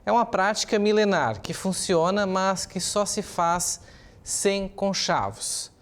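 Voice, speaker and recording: A Brazilian-accented journalist with a high voice and lively intonation delivers opinionated, explanatory news commentary, taking his time. His speech is semi-improvised and includes rhetorical questions.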